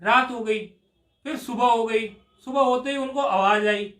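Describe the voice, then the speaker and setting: A man teaching a Sanskrit grammar class, chanting rules slowly and drawing answers out of his students. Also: very high voice, steady tone, a bit bright. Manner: drawn-out chanting of sutras, coaxing questions to students. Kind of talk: classroom lecture explaining a grammar rule. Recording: echoey room.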